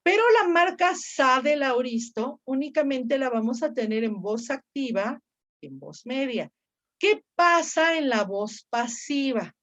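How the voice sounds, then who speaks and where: A woman's voice: high-pitched, expressive, a little slow, a bit bright, highs cut off. A woman teaching Ancient Greek grammar, explaining patiently step by step and quizzing her students. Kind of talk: online grammar lesson.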